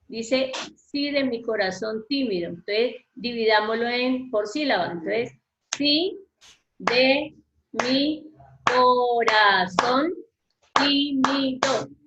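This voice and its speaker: A woman's voice: fairly high pitch, roomy sound, lo-fi sound, slight background noise. A woman teacher giving an online lesson, patiently explaining verse step by step and stretching out syllables as she counts them. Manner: patient, step-by-step, addresses student formally. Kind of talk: online class explaining poetry.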